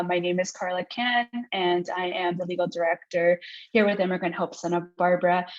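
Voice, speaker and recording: Lo-fi woman presenting on a webinar. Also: fairly low pitch. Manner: excited talker, many fillers and restarts. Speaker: legal director of an immigrant aid center. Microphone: video call. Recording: dull lo-fi audio from a video call.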